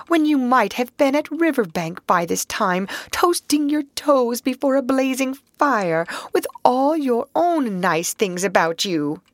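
A woman voicing a small, despairing male mole who wails in a high, quavering voice. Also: dry recording, clean studio sound.

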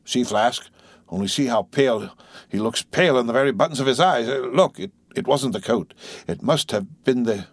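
A man voicing a wry ship's mate who gossips and mocks in a low, sly way. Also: lively intonation, normal speed, dry recording. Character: wry joking male sailor, a ship's mate.

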